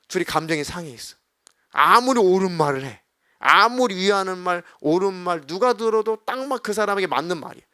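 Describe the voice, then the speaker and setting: A man's voice: high voice, a bit bright, no echo, studio quality. A middle-aged man preaching a sermon as pastor, speaking conversationally and acting out prayers and quoted speech.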